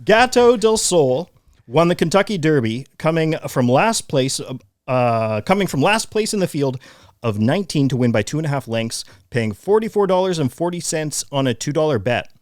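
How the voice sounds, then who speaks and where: A man's voice: fairly high pitch, sing-song, normal speed, dry recording, studio quality. A man co-hosting a casual sports podcast, who laughs often as he reads sports trivia. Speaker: podcast co-host.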